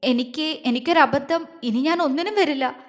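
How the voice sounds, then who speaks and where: A woman's voice: high-pitched, normal speed, natural voice. A woman doing a tearful scheming woman. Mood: frightened. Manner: weak, faltering, tearful pleading.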